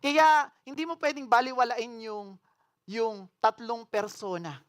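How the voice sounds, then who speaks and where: A woman pastor giving a sermon. She mixes English phrases into her preaching, asks the congregation questions, and swings between loud declarations and hushed, earnest appeals. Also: a little high, fairly even intonation, a little slow.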